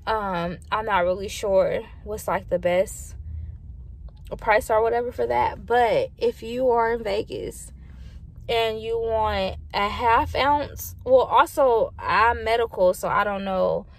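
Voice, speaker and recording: A slightly tipsy woman vlogger chats from inside a car, rambling and swearing freely, in a noisy in-car recording. Her voice is a little high and her pace slow.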